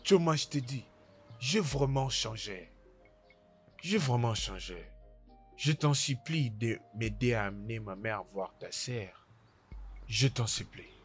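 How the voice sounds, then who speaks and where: A man's voice: mid-range voice, expressive, takes it slowly, long pauses, soft background music. A man playing a former village thief who begs a woman to help his sick mother, pleading and stammering, in a French-dubbed film. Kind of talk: Nollywood film dub in French.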